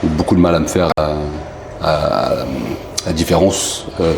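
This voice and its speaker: Low-voiced man in an echoey room. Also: measured pace, vocal fry. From southern France, Marseille. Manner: relaxed, rambling storyteller with many fillers. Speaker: company founder, interview guest. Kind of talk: casual interview chat. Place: indoor bar room. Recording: echoey room, faint background noise.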